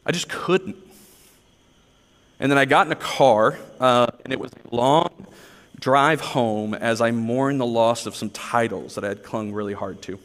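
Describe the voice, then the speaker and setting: A man's voice: mid-range voice, measured pace, fairly bright tone, in a large hall. A man preaching a sermon, telling personal stories in a conversational, earnest, self-deprecating way. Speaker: pastor.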